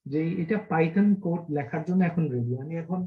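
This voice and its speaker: A programming teacher leads an online class, explaining ideas by stringing several synonyms together and frequently asking the class check questions. The voice is mid-range with lively intonation at a normal speed, and the audio is narrow and tinny.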